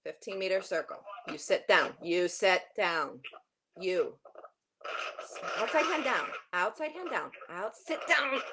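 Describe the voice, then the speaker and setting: A woman coaching a horse riding lesson, projecting brisk, urgent, repeated short commands with encouragement. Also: mid-range voice, heavy background noise.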